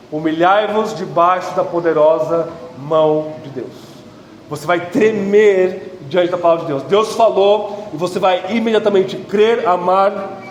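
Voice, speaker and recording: Emphatic Brazilian pastor in echoey hall. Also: male voice, sits high, slight background noise. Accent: Brazilian Portuguese. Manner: earnest and direct, rising to emphatic peaks. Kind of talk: sermon. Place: church hall. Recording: echoey hall with faint ambience.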